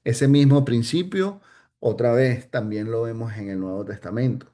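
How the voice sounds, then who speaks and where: A man's voice: mid-range voice, moderate pace, mellow. A man teaching an informal Bible study, hesitant, with many fillers and restarts, often checking in with "ok?".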